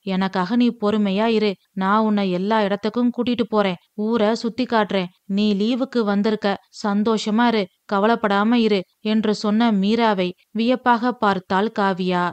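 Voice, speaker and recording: A woman's voice: medium pitch, fairly even intonation, unhurried, smooth, no room sound, muffled recording. A woman with a Tamil accent reading a family novel aloud, speaking every character's lines with little change of voice. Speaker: audiobook narrator. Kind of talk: novel read aloud, voicing all characters.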